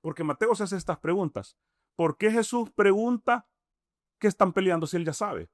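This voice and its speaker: An imam appearing as an interview guest explains his views in a relaxed, conversational way, speaking with a Salvadoran Spanish accent and a fairly high voice. He builds each argument step by step, asks rhetorical questions and often checks in with a quick "mm?". The recording is close and dry, without room echo.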